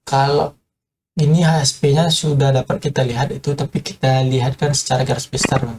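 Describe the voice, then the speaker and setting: A man explains construction in an informal tutorial, calling his viewers friends and speaking hesitantly with many filler sounds. His voice is medium-pitched with little pitch movement and a fairly quick pace, and background noise can be heard.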